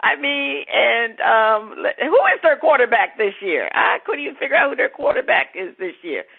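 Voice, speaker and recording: A woman's voice: fairly high pitch, animated, normal speed, vocal fry, slightly rough. Casting: female sports-talk host, chatty, laughs easily, narrow phone-line sound. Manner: chatty, laughs easily, searches for names aloud.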